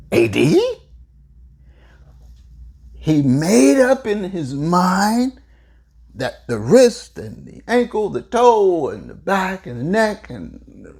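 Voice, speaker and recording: A basketball podcast host delivering solo commentary in a slightly husky, breathy voice. The pitch swings widely while the pace stays slow and unhurried. Key words get stretched out for emphasis, aimed straight at the listeners. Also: a little mellow.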